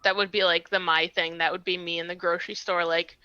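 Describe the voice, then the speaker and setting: Podcast co-host, woman, bright chatty voice, dry muffled sound. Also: lowish voice, little pitch movement, clear, resonant tone, dry recording. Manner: chatty, quick interjections. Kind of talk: casual chat.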